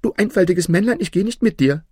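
Man doing a high-pitched, cheeky tailor. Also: lively intonation, fast talker, a little mellow. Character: plucky little adult male tailor.

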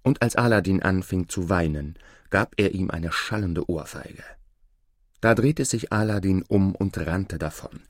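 A man reading a fairy tale aloud in a calm, measured storytelling manner. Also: low voice, no room sound, clean studio sound. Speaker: narrator.

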